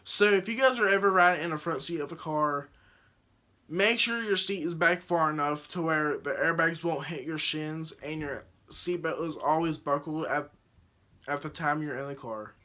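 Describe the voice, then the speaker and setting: A teenage guy telling a story in a casual vlog, rambling and excitable, with lots of fillers and restarts. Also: on the high side, normal speed. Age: teens. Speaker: vlogger. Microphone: phone camera.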